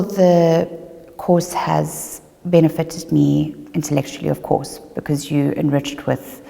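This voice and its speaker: A middle-aged woman from Zimbabwe, an attorney, giving a measured, reflective testimonial interview. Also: low voice, creaky, dark tone, long reverb tail. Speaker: attorney and former online law student.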